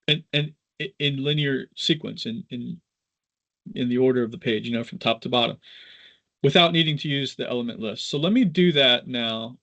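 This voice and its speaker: A man instructor giving a casual live software tutorial, informal and halting as he thinks aloud. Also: mid-range voice.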